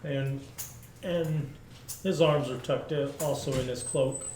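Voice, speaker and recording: A man talks casually as a player at a game table. His pitch is average, and the recording is echoey with a faint bed of noise. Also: steady tone, slow.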